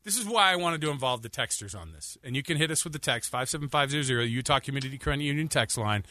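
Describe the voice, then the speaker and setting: A man's voice: mid-range voice, expressive, fast talker, bright, forceful tone, no echo. A man co-hosting a radio talk show, joking and rambling with many restarts. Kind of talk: casual radio banter.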